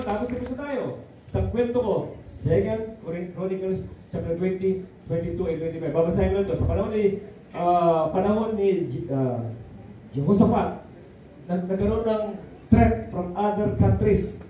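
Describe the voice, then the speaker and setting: A man's voice: high voice, warm tone, distant mic, a little hiss or hum. A man preaching a sermon to a congregation, rousing and calling out for amens and applause. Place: church hall. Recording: very echoey hall, heard from afar.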